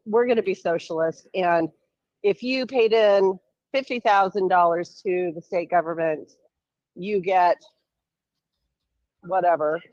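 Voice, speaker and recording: A woman state legislator calling in over the phone to a radio talk show, explaining events in a brisk, wry and sarcastic way. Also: lowish voice, darkish tone, no echo. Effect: heard over the phone. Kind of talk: radio call-in interview. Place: travelling while calling in. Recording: dull phone-line sound, dry.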